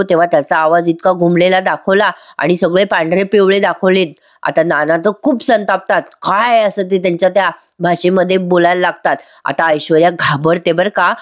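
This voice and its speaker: A woman giving a chatty voice-over recap of a TV serial, talking directly to viewers. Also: fairly low pitch. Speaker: TV serial reviewer.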